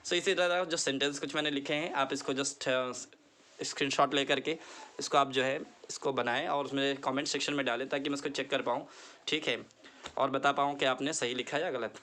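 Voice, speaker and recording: A man's voice: medium pitch, fairly even intonation, pushed and bright. Earnest man teaching word drills. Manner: repeats words slowly for the listener to echo; earnest, pleading tone. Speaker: English teacher. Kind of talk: online lesson, Hindi with English.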